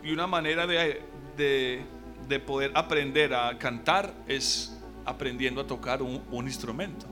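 A man's voice: medium pitch, unhurried, over music. A man preaching a sermon to his congregation, emphatic, drawing out key words and posing rhetorical questions.

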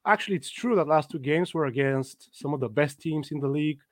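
A man's voice: a little high, brisk, no room sound, clean studio sound. A man hosting a football betting preview live stream, upbeat and presenter-like. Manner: upbeat, scripted presenter delivery. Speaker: host.

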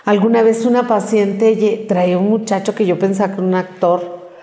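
A woman's voice: medium pitch, little pitch movement, moderate pace, dark tone. A woman, a therapist co-hosting a casual podcast, chatting and acting out quoted voices. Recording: roomy studio with long reverb.

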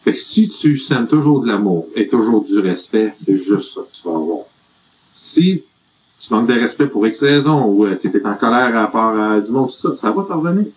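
A man's voice: lowish voice, lively intonation, moderate pace, low-quality recording. A man with a Quebec French accent, earnestly giving rambling life advice in a casual group chat. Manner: earnest, rambling with many fillers.

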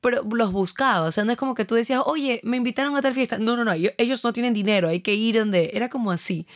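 A woman's voice: a little high, fast talker, dry recording, clean studio sound. Woman telling a story animatedly. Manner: animated storyteller acting out quoted dialogue. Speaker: podcast co-host. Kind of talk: casual storytelling chat.

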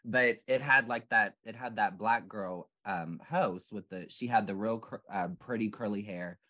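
Deep-voiced man in rambling casual chat. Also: a little slow, sharp tone. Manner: rambling, reflective, with many fillers.

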